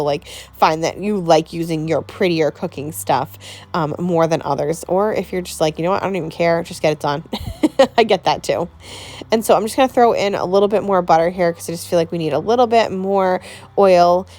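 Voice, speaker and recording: A woman's voice: lowish voice, a little mellow. A woman chatting casually through a home cooking tutorial in her kitchen, laughing easily and peppering her talk with "like". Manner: chatty, laughs often, says "like" a lot. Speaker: home cooking vlogger and mom.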